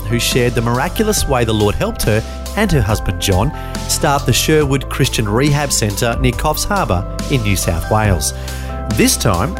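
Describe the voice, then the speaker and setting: An Australian man introducing a radio show in a friendly, scripted way. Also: mid-range voice. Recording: music bed behind voice.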